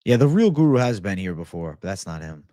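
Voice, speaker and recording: Talking fast with big swings in pitch, a young American man hosts a laid-back MMA livestream, reading viewer messages and chatting in slang, saying bro a lot. His voice sits low and has a warm tone. He uses a desk mic in a home studio with shelves, and the sound is studio quality with no echo.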